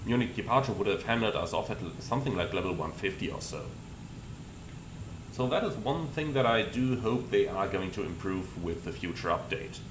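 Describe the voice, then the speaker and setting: A man with a fairly low voice gives pilot commentary on a flight simulator. He explains procedures step by step, in a roomy sound with clear background noise. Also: lively intonation, moderate pace. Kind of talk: explanatory commentary with radio readbacks.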